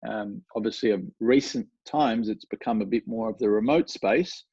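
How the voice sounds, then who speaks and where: An Australian golf coach appears as a guest in a casual conversational interview, relaxed and meandering, full of fillers and restarts. His voice sits on the low side, husky, at a normal speed. The audio is muffled, close and dry, with no room sound.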